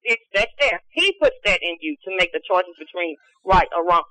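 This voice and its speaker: A man's voice: high-pitched, expressive, moderate pace, pushed and bright, rough recording. A man calling in to a show as a caller, speaking in an insistent, earnest, preaching way. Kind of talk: call-in debate, preaching.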